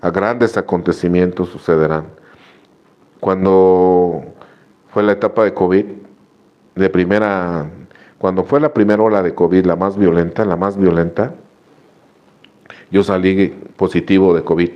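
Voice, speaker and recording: A man, speaking in a very low voice, gives a heartfelt personal testimony to his recovery group. He tells his story earnestly, repeats phrases and restarts them often. The sound is dull and lo-fi, like a radio broadcast. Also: level tone, measured pace, pauses often.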